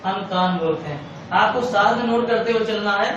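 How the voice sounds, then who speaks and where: Man, teacher, exam-prep lecture, very high voice, booming echoey room. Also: moderate pace, a bit bright, dull audio. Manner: repetitive, asks and answers own questions. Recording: echoey room, far from mic, faint hiss.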